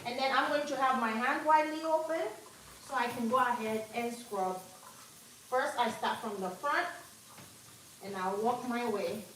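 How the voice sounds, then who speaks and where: A woman instructor leads a hands-on hair-washing demo in a salon classroom, chatting and coaching her students. Her voice sits a little high and sounds distant from the camera, and the room throws back a heavy echo. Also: normal speed. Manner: coaching, chatty, turns loud and upbeat when excited. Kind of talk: live hands-on demonstration class. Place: salon classroom at a wash sink. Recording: very echoey room, distant mic, faint noise.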